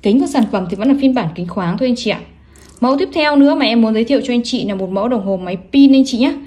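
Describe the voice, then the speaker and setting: A woman gives a salesy online product pitch at a brisk, rapid clip. Her voice sits a little high. She lists specifications and prices and keeps stressing selling points with emphatic praise. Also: animated, mellow. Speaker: online watch seller presenting products. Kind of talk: sales product showcase, listing specs and prices.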